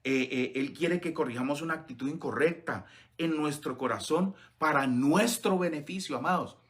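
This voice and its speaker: A man preaching a sermon, reading scripture aloud between earnest comments, often pausing on hesitant fillers. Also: fairly high pitch. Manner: earnest, addresses listeners as beloved, frequent hesitant fillers.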